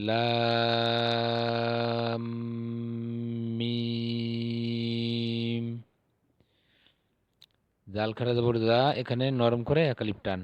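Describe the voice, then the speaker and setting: A middle-aged man teaching Quran reading, patiently spelling out each syllable and then drawing out the recited words slowly. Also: mid-range voice, a little mellow, no echo, lo-fi sound.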